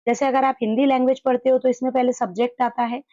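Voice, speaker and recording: A woman teaching an exam prep lesson. She explains in Hindi and reads English definitions out slowly. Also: high voice, flat delivery, dark tone, no room sound, highs cut off.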